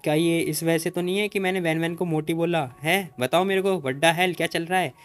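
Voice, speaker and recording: A man's voice: a little high, steady tone, fairly quick, a bit bright, soft background music, lightly acted. A man voicing a dramatic young male friend who mocks and wails in an over-the-top way. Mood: indignant whining. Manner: over-the-top, wailing, mocking.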